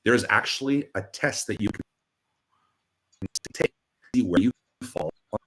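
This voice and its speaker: A man's voice: lowish voice, lively intonation, a little slow, fairly bright tone, rough recording. A man talking as a podcast guest over a video call whose audio is breaking up and cutting out. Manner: enthusiastic, upbeat. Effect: choppy, breaking-up internet call audio. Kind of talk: casual interview chat.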